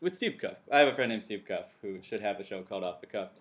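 A man hosting a casual podcast, rambling and often trailing off into quiet mumbles. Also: on the low side, expressive, fast talker. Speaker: podcast host.

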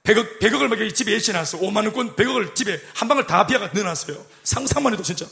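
A middle-aged man preaching a sermon as pastor, animated and joking, acting out quoted voices. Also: sits high, racing, creaky. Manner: animated, acts out quoted voices and jokes with the congregation.

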